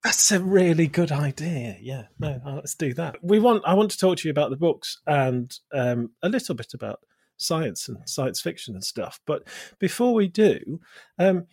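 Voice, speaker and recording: A man's voice: fairly high pitch, sing-song, moderate pace, darkish tone, husky, no room sound, studio quality. A man hosting a podcast, asking questions in a joking, apologetic way. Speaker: podcast host. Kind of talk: casual chat.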